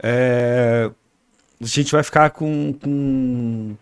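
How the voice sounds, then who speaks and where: A man's voice: medium pitch, steady tone, drawn-out words, clean tone, dry recording, studio quality. A man with a Brazilian Portuguese accent, a guest on a podcast, telling a family story in a casual way and acting out the dialogue. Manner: anecdotal, acts out dialogue, frequent fillers like "né" and "cara".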